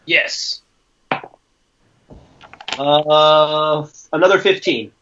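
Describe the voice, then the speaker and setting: A man's voice: on the high side, fairly even intonation, extremely slow, background noise. A man playing a tabletop game, speaking casually in brief, matter-of-fact statements over lo-fi audio. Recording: dull, lo-fi call audio.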